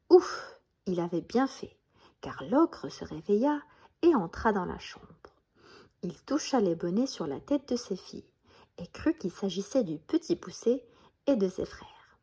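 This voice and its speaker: A woman telling a bedtime story in a soft voice that often slips into a half-whisper. Her tone is mellow and breathy. Her pitch swings widely and expressively.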